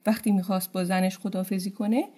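A woman narrating a folk tale in a gentle, colloquial storytelling manner. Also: medium pitch, fairly even intonation, breathy edge.

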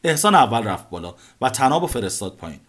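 A man narrates his own story for a podcast, first person and expressive. His pitch rises and falls a lot as he recounts each moment vividly, at a middle register.

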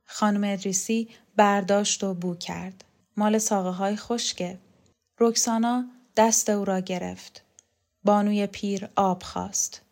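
A woman narrating a literary novel in a calm, measured reading voice. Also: medium pitch, creaky. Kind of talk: scripted audiobook narration of a novel.

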